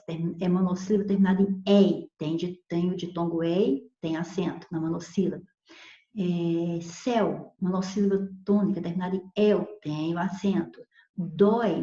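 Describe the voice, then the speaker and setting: Her voice is medium in pitch with a dark tone as she patiently lays out spelling rules for a recorded grammar lesson. Repeated examples and frequent "ok?" check-ins mark her teaching, and the room sounds echoey with a dull, lo-fi quality.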